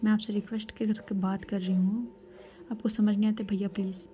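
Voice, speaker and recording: A woman's voice: mid-range voice, little pitch movement, fairly quick, soft background music, close to an everyday voice. Bhavya, a woman doing a stammering pleading girl. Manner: stammers, begs in a hushed breathy voice.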